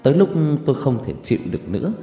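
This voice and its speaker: A man's voice: mid-range voice, sing-song, very fast, dark tone. A man narrating a sad first-person story in a mournful, dramatic way, recorded with long echoing reverb over faint music.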